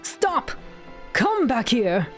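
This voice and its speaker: A woman's voice: fairly high pitch, very animated, very slow, soft background music, full character voice. A woman voicing a flustered, dutiful male knight in a fantasy game, urgent and exclamatory. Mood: alarmed.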